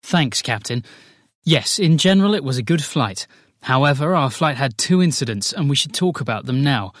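A man playing a firm, businesslike senior flight attendant in a scripted lesson dialogue, articulating clearly. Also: mid-range voice, expressive, normal speed, no room sound, clean studio sound, close to an everyday voice. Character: male senior cabin crew leader, firm and businesslike.

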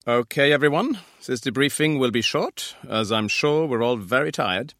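A man's voice: medium pitch, animated, moderate pace, a bit bright, dry recording, studio quality. A man playing a composed, appreciative airline captain addressing the crew in an orderly, scripted lesson dialogue.

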